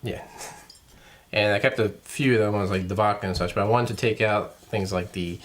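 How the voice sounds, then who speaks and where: A man's voice: fairly low pitch, steady tone, a little hiss or hum. A man in his thirties, a guest cocktail creator, chatting casually and agreeably. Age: 30s. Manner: agreeable, quick, laid-back. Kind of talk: casual chat.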